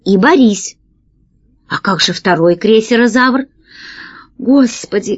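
Expressive woman narrating a children's tale. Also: on the high side, lo-fi sound. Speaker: audiobook narrator.

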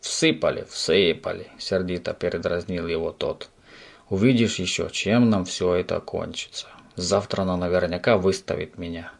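A grumpy, nervous middle-aged lodger, as a man reading aloud plays him, grumbles in a low, hushed voice. The tone is gravelly and irritated. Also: fairly even intonation, moderate pace. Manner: grumbling, hissing under his breath.

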